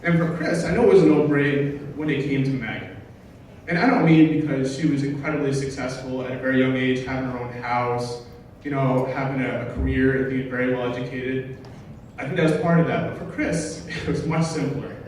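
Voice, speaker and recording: A man giving an informal, humorous best man speech at a wedding, joking along in a halting way and often correcting himself. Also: medium pitch, darkish tone. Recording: distant, very echoey, noisy room recording.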